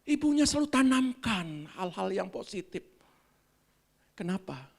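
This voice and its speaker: A woman pastor preaching a Sunday sermon in church, swinging between loud exclamations and soft near-whispers and calling out to the congregation. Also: mid-range voice, big pitch swings, unhurried, vocal fry. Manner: calls out to the congregation. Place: church service.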